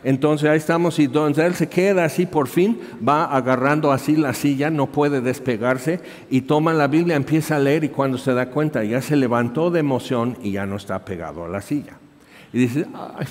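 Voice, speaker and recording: A man's voice: medium pitch, normal speed. A man, preaching as a missionary and animatedly telling a story from his work. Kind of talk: storytelling sermon. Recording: reverberant hall.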